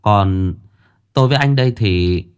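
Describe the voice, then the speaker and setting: A man's voice: lowish voice, normal speed, clean tone, natural voice. A man voicing a poor young village man who speaks politely and pleads anxiously. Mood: humble.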